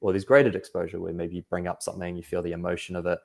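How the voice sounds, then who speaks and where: Reflective deep-voiced young man. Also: little pitch movement, racing, gravelly. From New Zealand. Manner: reflective, many fillers. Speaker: anxiety coach guest. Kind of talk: casual podcast interview.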